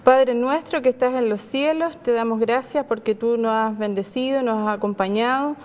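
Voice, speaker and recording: A woman's voice: a little high, normal speed, a little mellow, in a large hall. A middle-aged Chilean woman, a nurse, talking on a faith program and leading a prayer, hesitant and full of filler sounds and tag questions. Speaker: nurse and guest.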